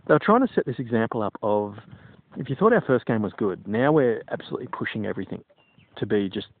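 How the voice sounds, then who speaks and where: A man's voice: on the low side, animated, fast. A middle-aged man and PC technician giving his opinions on gaming in a digressive, casual monologue. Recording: tinny phone-like sound, dry.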